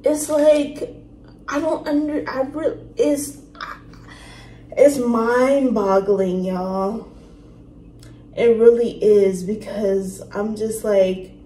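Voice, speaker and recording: A woman hosting a reaction video, talking earnestly and emotionally with halting, apologetic restarts. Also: mid-range voice. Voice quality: emotional, soft-spoken. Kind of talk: casual reaction commentary. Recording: roomy room with faint noise.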